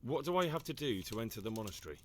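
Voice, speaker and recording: A man's voice: mid-range voice, sing-song, rapid-fire, a little hiss or hum, close to an everyday voice. A man playing an inquisitive hero in a medieval video game, asking direct questions. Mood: curious.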